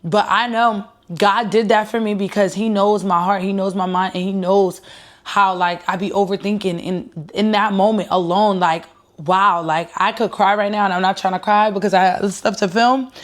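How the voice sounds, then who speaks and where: A woman's voice: mid-range voice, normal speed. A woman singer and rapper telling viewers a personal story in a casual vlog, earnest and emotional, speaking straight to her audience. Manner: excited at first, quieter and heartfelt later.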